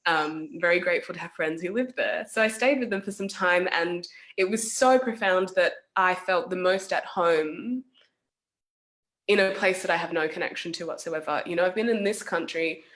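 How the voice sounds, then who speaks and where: Young woman artist, reflective and halting, lower voice, heard over a video call. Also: a bit bright. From South Sudan. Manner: thoughtful, hesitant, many fillers. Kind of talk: casual reflective talk.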